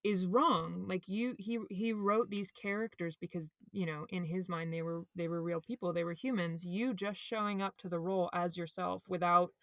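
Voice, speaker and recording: A woman's voice: fairly low pitch, steady tone, moderate pace, hardly any pauses, no echo. A woman who acts and hosts a podcast, talking about acting in a thoughtful, rambling way with many restarts over a video call. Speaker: actor and podcast host. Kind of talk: casual conversation about acting.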